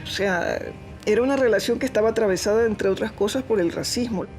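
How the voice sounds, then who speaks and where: A woman with an Ecuadorian Spanish accent, speaking in a thoughtful, measured way in a documentary interview. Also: mid-range voice, a little mellow, faint music behind.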